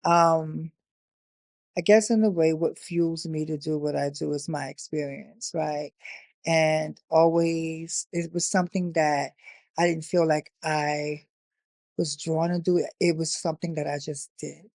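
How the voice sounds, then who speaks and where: A woman from Newark, New Jersey, a guest sharing her life story in a reflective, halting way. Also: low voice, steady tone, darkish tone, no room sound, clean studio sound. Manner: reflective, halting, with frequent fillers. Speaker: interview guest. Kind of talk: candid personal storytelling.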